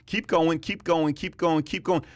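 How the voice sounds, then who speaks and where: A man's voice: a little high, steady tone, a little slow, no room sound. A man in his forties hosting a podcast, talking emphatically and repeating phrases to drive his points home, recorded close on a studio mic. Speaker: podcast host. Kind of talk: animated casual discussion. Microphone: studio mic on boom arm, wearing headphones. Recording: dry close-miked studio sound.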